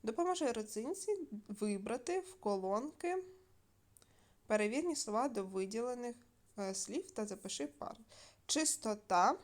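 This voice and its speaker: A woman teaching primary school children in a recorded video lesson, reading out words slowly and clearly, with small fillers between steps. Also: on the high side, animated. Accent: Ukrainian. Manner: slow, clear dictation with fillers.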